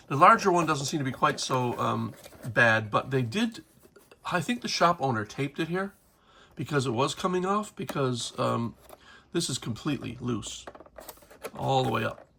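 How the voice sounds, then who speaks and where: A man's voice: medium pitch, gravelly, sharp tone, slight background noise. A man casually talking through a toy unboxing in his home workshop, rambling with fillers. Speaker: toy collector vlogger.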